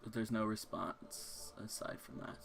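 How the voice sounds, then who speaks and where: A man with a low, gravelly voice runs a tabletop game. He builds each scene slowly, with careful description. His voice has a rough, fried texture throughout. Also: steady tone, a bit bright, slight background noise. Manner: slow, descriptive scene-setting. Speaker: game master.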